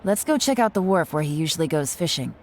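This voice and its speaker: A woman playing a composed, guarded investigator in a video game, giving crisp orders. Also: sits low, very animated, quick pace, slight background noise. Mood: cool, cautious. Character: cool, guarded female investigator, composed and commanding. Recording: loud game music behind.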